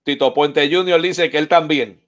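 A man hosts a relaxed conversation, his voice sitting a little high for a man. He talks in a lively way and keeps dropping playful asides into his stories. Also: normal speed. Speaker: host. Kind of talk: casual online interview.

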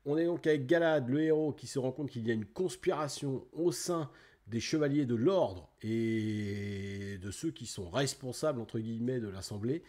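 A middle-aged French man streaming a game, chatting casually with viewers by name and filling pauses with little sound words. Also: medium pitch, darkish tone. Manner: chatty, greets viewers by name, fillers like "tac" and "hop là". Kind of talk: casual let's play chat.

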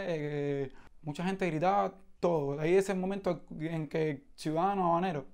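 A man from Cuba with a Cuban accent, giving spoken testimony in an animated storytelling way, with frequent restarts and imitated sounds. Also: on the high side. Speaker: protest participant giving testimony.

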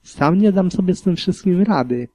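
A man narrates a story in the first person with a somber, reflective delivery. His voice is dark and mellow. The recording is dry and close. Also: high voice, animated, normal speed, no room sound. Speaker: audiobook reader.

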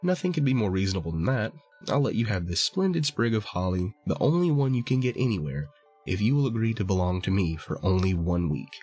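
A man's voice: fairly low pitch, big pitch swings, a little fast, a little mellow, slightly rough, faint music behind. A man voicing a sly little male dwarf who haggles and coaxes in a storybook reading. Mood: coaxing. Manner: wheedling, coaxing haggler.

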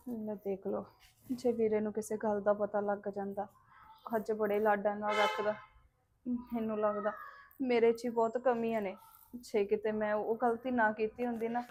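An actress playing a pressured young village woman in a short film, gentle with family and shrill in a quarrel. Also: natural voice. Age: young adult. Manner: soft-spoken with family, shrill and shouting in a quarrel.

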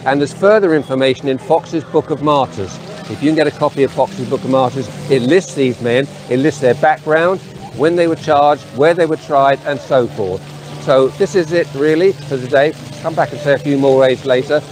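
A man's voice: mid-range voice, normal speed, darkish tone. An older man giving an earnest, solemn address to camera in an open town square, reading names from a sheet. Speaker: street preacher. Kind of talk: outdoor video address. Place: sunny town square outdoors. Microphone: camera at a few metres.

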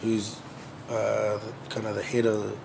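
A man's voice: on the low side, completely flat delivery, a little slow, vocal fry, background noise. A man chatting casually as a guest, laid-back and full of swearing and slang. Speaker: drummer, interview guest. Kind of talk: casual chat.

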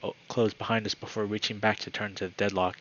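A man's voice: on the low side, flat delivery, fast talker, fairly bright tone, muffled recording, a little hiss or hum. A man reading a visual novel aloud for his channel, narrating dramatically with the odd casual aside. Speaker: gaming YouTuber.

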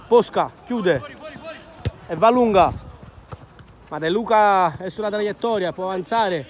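Uomo, telecronaca calcistica lenta, voce acuta. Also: male voice, high-pitched, slow. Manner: clipped short phrases naming players. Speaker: football match commentator. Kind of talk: live amateur football commentary. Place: outdoor floodlit football pitch at night.

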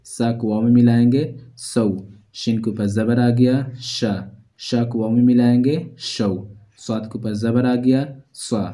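A man's voice: medium pitch, warm tone. Patient man teaching letter sounds. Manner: slow, patient, repeats each syllable drill-style. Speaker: Quran reading teacher.

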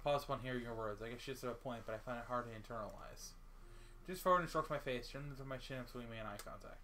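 A man reading a visual novel aloud for a let's play, quiet and even. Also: mid-range voice, fast talker, slight background noise.

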